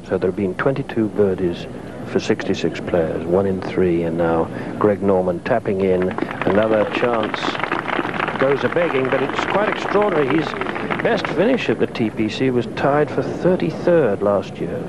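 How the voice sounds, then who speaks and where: A man giving live golf commentary in a measured way with wry understatement, on a 1980s television broadcast. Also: low voice, very noisy.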